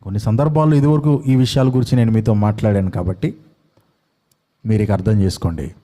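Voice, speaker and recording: A man's voice: on the low side, fairly even intonation, quick pace, dark tone. A male preacher giving a sermon, acting out scenes and throwing questions at his congregation. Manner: dramatic, acts out quotes and fires questions at the congregation.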